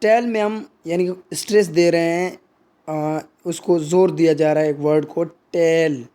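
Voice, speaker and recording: A man teaching a lesson on English poetry, slowly reading English definitions aloud and then explaining each one in Hindi. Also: on the high side, steady tone, mellow, smooth.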